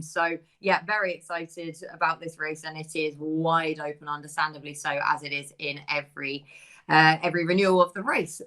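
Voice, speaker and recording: Lady hosting a racing preview, a bit low voice, chatty and upbeat. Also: bright, forceful tone. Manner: chatty, upbeat, hands the floor to guests. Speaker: host.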